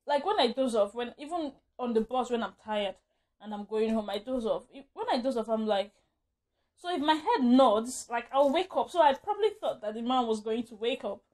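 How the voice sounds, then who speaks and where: A woman's voice: a little high, darkish tone. A woman telling a casual storytime vlog, rambling, correcting herself and laughing often. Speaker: vlogger.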